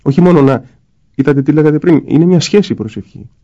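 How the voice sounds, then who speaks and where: Warm-toned priest explaining faith. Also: male voice, fairly high pitch, lively intonation, dull audio. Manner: explanatory, acts out little dialogues. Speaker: Orthodox priest guest. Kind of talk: spiritual talk in conversation.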